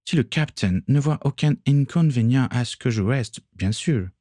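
A man voicing a gentle, heartfelt young Englishwoman in a read-aloud story. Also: mid-range voice, lively intonation, normal speed, dry recording, studio quality, voice pushed up, close to an everyday voice. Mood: tender. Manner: soft, raised voice.

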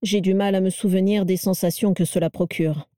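A woman voicing a calm, cold and menacing aristocratic wizard in a storybook reading. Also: medium pitch, brisk, no echo, studio quality, lightly acted.

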